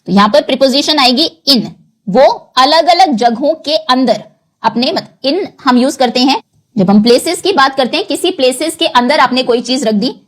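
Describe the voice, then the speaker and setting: A woman's voice: high voice, lively intonation, normal speed. A woman teacher explaining an English textbook lesson, spelling words out letter by letter and switching between Hindi and English.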